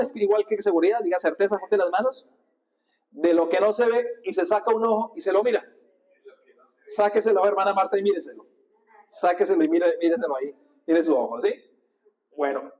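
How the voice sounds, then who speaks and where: A male priest giving a lively sermon with a handheld mic, coaching the congregation to repeat verses and gestures. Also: on the high side, poor audio. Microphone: handheld microphone.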